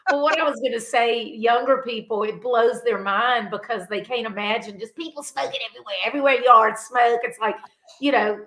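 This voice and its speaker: A woman's voice: on the high side, steady tone, a little fast, a bit bright. A woman of sixty hosting a podcast interview in a casual, chatty way, laughing easily. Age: 60s. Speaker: podcast host. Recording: roomy echo.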